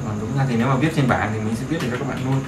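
A man gives a relaxed beginner lesson, repeating words and phrases and asking his students to agree. His voice sits at an ordinary pitch. The room is echoey, with a faint hum of background noise. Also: rapid-fire. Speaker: English teacher. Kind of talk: casual screen-share lesson.

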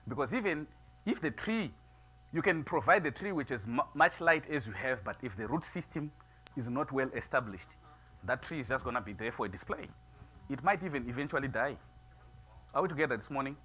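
A middle-aged man preaching a sermon in a small church, moving from quiet musing to loud, emphatic preaching. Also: mid-range voice, animated, a little fast. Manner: builds from soft musing to loud preaching, gestures widely. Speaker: pastor. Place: small church sanctuary, seated before altar flowers.

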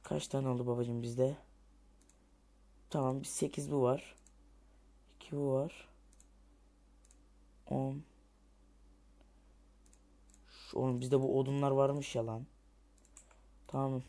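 A man's voice: medium pitch, flat delivery, takes it slowly, long pauses, mellow. A man giving let's play commentary, thinking aloud as he builds and grumbling and cursing at the game in frustration. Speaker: gamer.

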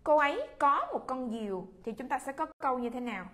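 A woman English teacher from Vietnam giving a children's lesson, modeling phrases in a drawn-out way. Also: high voice, expressive, pushed and bright. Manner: slow, drawn-out model pronunciation.

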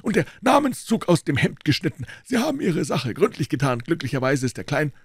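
A man voicing an old male doctor who speaks in a calm, persuasive, clinical way. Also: a little high, a little fast, creaky, husky, no room sound, studio quality, voice pushed up, exaggerated voice.

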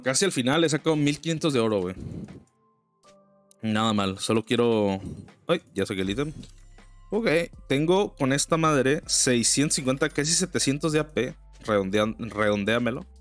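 A young man with a Mexican accent talks through his game in loose, slangy commentary. His voice sits in a middle pitch and jumps into sharp, high exclamations when something goes wrong, with quiet music playing behind him. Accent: Mexican Spanish. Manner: slangy, exclaims in sudden high bursts, complains about teammates. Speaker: gaming streamer. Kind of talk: casual gameplay commentary.

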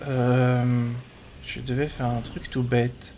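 A male gaming host gives casual running commentary in a medium-pitched voice. He chats away as if thinking aloud to himself. There is light background noise behind him. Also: little pitch movement, takes it slowly, warm tone. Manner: chatty, talking to himself.

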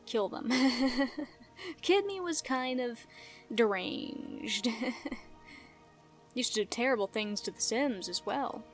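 A young woman giving casual, chatty, playful commentary as she plays a video game. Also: a little high. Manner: playful, chatty, giggly asides. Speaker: gamer, let's play host. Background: game music.

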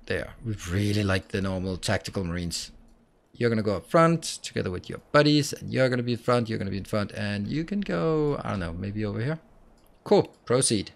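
A man's voice: lowish voice, lively intonation, brisk, gravelly. A man giving casual let's play commentary, thinking aloud and muttering as he plays. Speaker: gamer.

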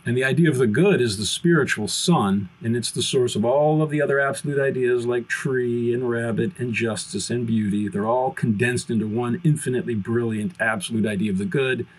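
A man in his fifties, a philosophy professor on a video call from a room at home, retelling a classic story with lively hand gestures. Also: mid-range voice, a little fast, hardly any pauses, husky, low-quality recording. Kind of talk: explaining on a podcast. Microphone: webcam video call.

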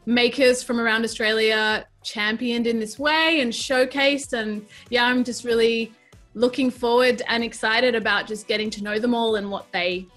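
Her steady, slightly high voice has a bit of brightness, and faint music sits in the background. A guest in her thirties from New Zealand, she gushes enthusiastically in rapid bursts during a relaxed craft chat on a colourful studio set.

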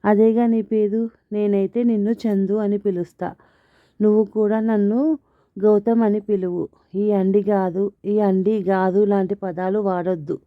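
A woman's voice: medium pitch, little pitch movement, measured pace, close to an everyday voice. A woman reads a confident young man with a friendly, persuasive way of talking, in a plain everyday voice. The sound is narrow and tinny, like a phone line. There is no room echo at all.

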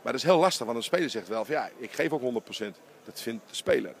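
With a gravelly, mid-range voice, a middle-aged basketball coach delivers animated, emphatic bursts during a post-game interview in an empty arena. The handheld interviewer mic is close, and a bit of hiss or hum comes through.

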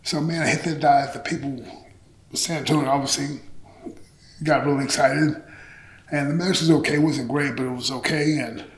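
Guesting on an interview, a middle-aged professional wrestler animatedly spins candid, profane stories from a couch in a small indoor set, performing snippets of dialogue. He speaks at normal speed in a steady, somewhat high voice, and the room echoes noticeably.

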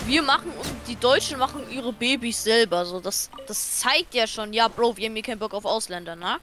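A woman's voice: fairly high pitch, fairly quick, fairly bright tone, faint music behind. A woman in a casual chat on a stream call, blunt and slangy as she pushes back.

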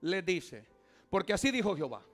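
A man's voice: high voice, sing-song, a little fast, fairly bright tone, soft background music. A man preaching an impassioned Pentecostal sermon as pastor at a church service, calling out to the congregation.

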